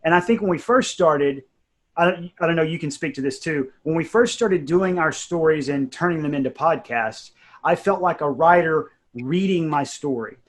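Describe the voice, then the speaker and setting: The writer and narrator of an audio drama speaks at a normal speed, his voice on the high side, as he casually explains and reflects on his creative process.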